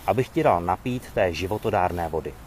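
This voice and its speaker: A man reading the lines of a calm, authoritative male teacher from scripture in a gentle, earnest way. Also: deep voice, a little hiss or hum, voice pushed down. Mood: solemn.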